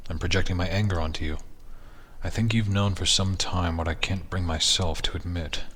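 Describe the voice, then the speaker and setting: A man's voice: sits low, steady tone, normal speed, a bit bright. A man voicing a disillusioned, cynical psychologist husband in a horror story reading, brooding and sardonic.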